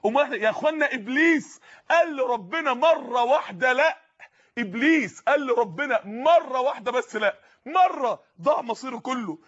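A man with an Egyptian Arabic accent preaching a sermon in an impassioned way, raising his voice to shouts. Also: very high-pitched, expressive, a little fast. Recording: muffled lo-fi recording.

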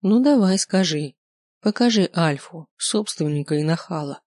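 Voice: mid-range voice, expressive, normal speed, darkish tone, no room sound, studio quality, lightly acted. A reader doing a grumbling, defiant young heroine. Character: sharp-tongued young woman werewolf heroine. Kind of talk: audiobook character voice.

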